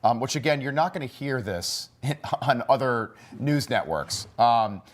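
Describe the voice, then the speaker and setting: A man leads a morning TV news discussion at a steady, middle pitch. He talks casually, doubling back on his words and reaching for fillers as he lays out his points. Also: unhurried. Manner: conversational, with restarts and fillers. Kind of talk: cable news panel discussion.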